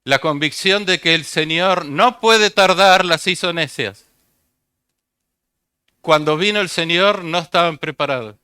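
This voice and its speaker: Older male preacher, voice pitched a little high and smooth, repeating his points to the flock. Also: measured pace, pushed and bright, no echo, studio quality. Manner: asks the congregation questions and repeats key phrases. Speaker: pastor. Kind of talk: sermon.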